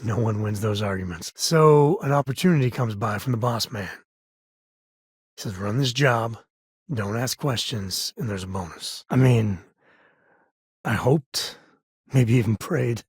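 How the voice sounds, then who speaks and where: Sam Coe, husky easygoing space cowboy. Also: male voice, fairly low pitch, measured pace, long pauses, no room sound, clean studio sound. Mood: wry. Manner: folksy, conversational, wry. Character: easygoing, warm-hearted frontier spacefarer, a devoted father. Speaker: video game companion character. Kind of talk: video game character dialogue.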